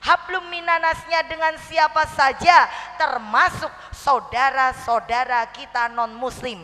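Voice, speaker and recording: Woman, Javanese accent, sermon, bright voice, joking and chatty, long hall reverb. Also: sits high, fairly even intonation, measured pace. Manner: humorous, chatty, switching into Javanese. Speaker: preacher. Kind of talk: sermon to a women's gathering.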